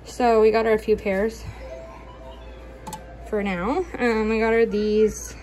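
A young woman chatting casually in her kitchen, showing what she bought, with fillers and quick self-corrections. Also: fairly high pitch, level tone, a little mellow, soft background music, low-quality recording. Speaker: vlogger. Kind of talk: casual grocery haul narration. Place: home kitchen, indoors.

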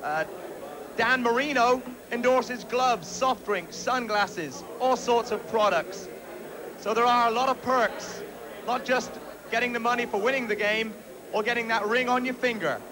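A man's voice: very high voice, unhurried, a crowd in the background, rough recording. A man giving studio commentary as an analyst in an informative, matter-of-fact manner.

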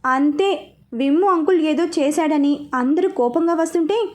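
A woman storyteller narrates a long serialized tale with a lively, expressive delivery. Her voice sits high and light. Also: unhurried.

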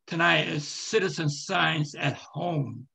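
A man with a hoarse, strained, high-ish voice gives a live screen-share presentation, speaking haltingly with many fillers and restarts. His tone is bright and forceful.

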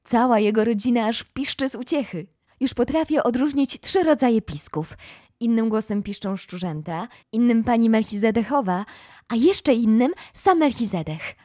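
A woman reads an audiobook, voicing an imaginative, kind young girl in a dreamy, playful tone, pitched above her own voice yet close to an everyday one. Her voice is a little high, animated and mellow, at a moderate pace. The recording is dry and studio quality.

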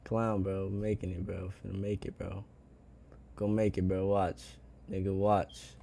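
A man streaming live reactions to a video, loud, profane and exclaiming. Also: low-pitched, level tone, a little slow, vocal fry, a little hiss or hum. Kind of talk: casual live reaction commentary.

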